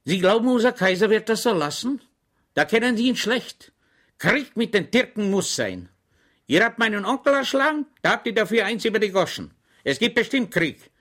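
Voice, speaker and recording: A man's voice: high voice, very animated, moderate pace, a bit bright, pitched above the performer's own voice, exaggerated voice. A man voicing a simple, good-natured, chatty soldier in an audiobook, rambling with naive confidence. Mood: eager.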